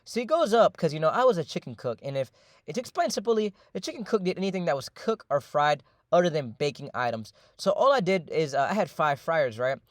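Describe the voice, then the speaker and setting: A man's voice: on the high side, very animated, a little fast, no room sound, studio quality. A young man casually telling a story about his job, rambling, slangy and profane, with lots of fillers. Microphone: voice-over.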